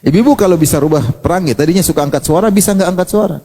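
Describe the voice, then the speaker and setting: A man preaching a sermon in a lively, joking way, acting out the people he quotes. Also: sits high, racing, in a large hall.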